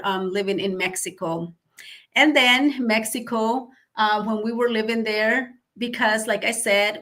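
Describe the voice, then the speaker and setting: A middle-aged woman from Guatemala whose first language is Mayan, telling her life story earnestly, with frequent um pauses. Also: medium pitch, fairly bright tone. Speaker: guest speaker. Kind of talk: personal storytelling.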